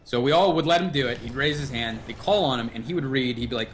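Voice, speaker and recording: A man's voice: mid-range voice, fast talker, soft background music. A man hosting a livestream podcast, telling stories in casual chat and swearing freely. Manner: animated storyteller who swears freely. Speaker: podcast host. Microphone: livestream podcast mic.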